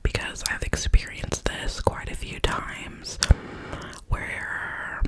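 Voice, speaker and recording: A young adult gives a gentle, confiding pep talk of positive affirmations in a clicky ASMR whisper. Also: takes it slowly. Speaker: ASMR creator.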